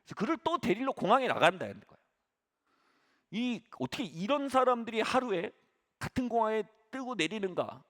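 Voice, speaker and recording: A man's voice: high-pitched, big pitch swings, fairly quick, fairly bright tone. A middle-aged man preaching a sermon as pastor, telling a story with sudden emphatic rises.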